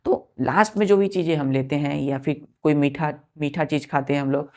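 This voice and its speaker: A woman teaching English vocabulary to exam students. She explains each word slowly and twice, and keeps asking the students questions. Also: sits low, steady tone, darkish tone. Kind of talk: classroom lesson for exam students.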